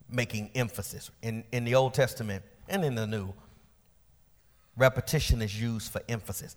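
Male pastor, dynamic sermon delivery, shouted climaxes and soft drops, reverberant sanctuary. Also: medium pitch. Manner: preaching with rising shouted peaks and quiet drops; colloquial asides. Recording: long church hall reverb.

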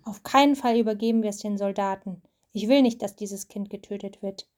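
A woman's voice: mid-range voice, brisk, mellow, close to an everyday voice. A woman voicing a kind, decisive young princess while reading a storybook aloud to a child. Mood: caring.

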